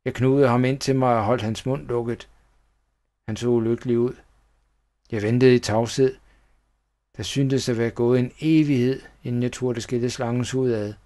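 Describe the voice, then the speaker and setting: Man reading a scary storybook. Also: mid-range voice. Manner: steady first-person storybook narration. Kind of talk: reading a children's horror story aloud.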